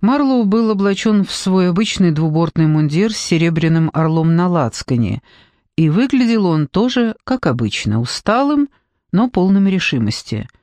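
A man narrating an audiobook in an even, measured storytelling manner. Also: high voice, no echo. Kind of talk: scripted narration.

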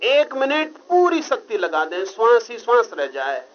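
A man with a very high, wildly swooping voice leads a live active meditation at normal speed, driving the group on with short, repeated, urgent commands. The recording is dull and noisy, with a loud crowd of participants behind him.

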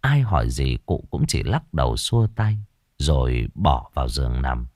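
Deep-voiced male storyteller, lively, dramatic pitch swings, suspenseful ghost-story read. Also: a little slow, no room sound, clean studio sound.

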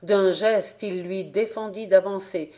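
A woman with a French accent reading a classic novel aloud in a measured, even storytelling manner. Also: medium pitch. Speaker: audiobook reader. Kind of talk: literary audiobook narration.

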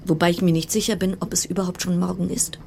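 In a German radio play monologue, an actress plays a brittle, self-reassuring woman isolated in a ship's cabin, musing restlessly in a halting, repetitive way and at times dropping into whispers. Her voice is on the low side, warm and level, with vocal fry, and there's a little hiss or hum.

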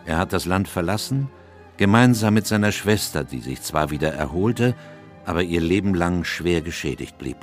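A man's voice: low voice, animated, normal speed, soft background music. An actor playing an aged, melancholy English doctor who solemnly narrates his memoirs in a literary radio drama. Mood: grave, reflective. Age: older. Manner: solemn, reflective. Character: aged doctor Watson, weary melancholy chronicler of his friend's cases.

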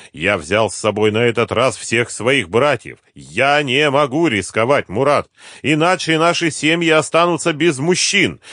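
A man's voice: mid-range voice, sharp tone, no room sound, studio quality, pitched above the performer's own voice. A man voicing a stubborn old caravan drover in an audiobook, firm and insistent.

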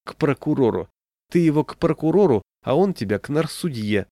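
A man's voice: a little high, lively intonation, brisk, dark tone, no echo, voice pushed up. A man voicing a sarcastic, legally savvy neighbor who mocks and jeers, recorded dry and close. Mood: jeering. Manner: mocking, jeering. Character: sarcastic neighbor, savvy about civil rights.

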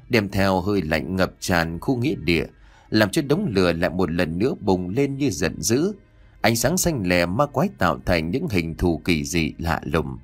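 A man giving a dramatic, expressive reading of a scripted horror story. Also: sits low.

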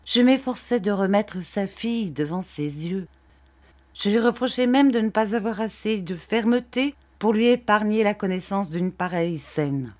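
A woman reading a classic novel aloud as an audiobook narrator, measured and even. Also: mid-range voice. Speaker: audiobook reader. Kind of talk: scripted narration.

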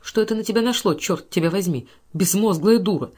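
Casting: a woman doing a furious, domineering man, barking hoarse commands, audiobook. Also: mid-range voice, animated, fairly quick. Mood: rough threats. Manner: shouting orders, rough and hoarse. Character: powerful enraged man, harsh and commanding.

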